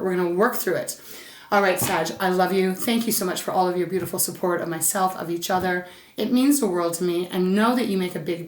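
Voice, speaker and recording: A woman gives a casual tarot reading in a chatty, soothing way, calling her listener "Saggy." Her voice is on the low side and a bit scratchy and stuffed up. The sound is reverberant.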